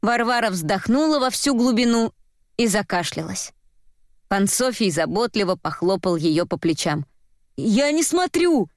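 An audiobook narrator tells a story in a wry, even manner, reading from a script. Her voice is mid-range and her pace is normal, captured in a dry, studio-quality recording.

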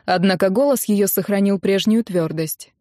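A woman reading a novel aloud as an audiobook narrator, with a measured, even delivery. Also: mid-range voice, dry recording, studio quality. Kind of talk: scripted narration.

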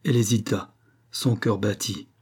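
Guy reading an old novel out loud, mellow voice, steady and dramatic. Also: on the low side, normal speed, slightly rough. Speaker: audiobook narrator. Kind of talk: scripted narration.

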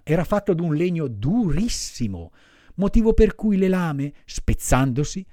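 A man reads a children's storybook aloud in a dramatic, expressive way, his voice a bit high and very lively in pitch. The recording is dry and close. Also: no room sound. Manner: dramatic, varied delivery. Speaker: audiobook reader.

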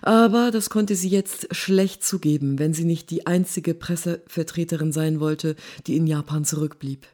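A woman author reads from her novel at a live stage event, lively and expressive. Her voice sits low and sounds mellow and warm. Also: normal speed, hardly any pauses.

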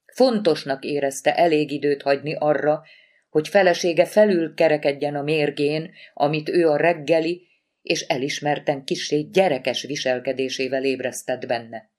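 A woman reading a novel aloud as an audiobook narrator, in an even, measured way. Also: sits low.

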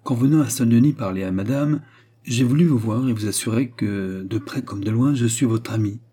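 A man's voice: mid-range voice, moderate pace, dark tone, close to an everyday voice. A man reading a proud, anguished queen of France in an audiobook, pleading with impassioned speech. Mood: coaxing.

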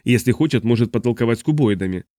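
A man's voice: medium pitch, lively intonation, fast talker, warm tone, no echo, studio quality, lightly acted. A man voicing a stubborn, guarded traveler who refuses to give answers. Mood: defiant.

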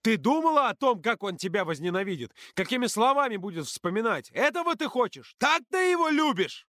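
A man voicing a hot-tempered teenage boy close to hysteria in an audiobook, yelling and pleading in a raised voice. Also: mid-range voice, normal speed, no room sound, lightly acted. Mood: raging. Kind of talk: audiobook character voice.

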